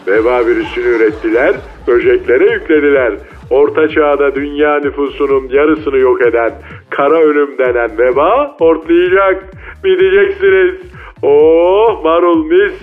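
A man's voice: on the high side, moderate pace, faint music behind. A man voicing a cocky, slangy male mole cricket who speaks over a phone line in a comedy radio sketch. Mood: taunting. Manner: slangy, boastful, taunting street talk. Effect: heard over a phone line.

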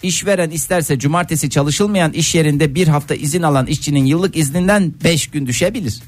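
A man's voice: on the high side, brisk, no room sound. A man hosting a casual comic radio chat, explaining things and quizzing his co-hosts playfully. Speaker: radio show host.

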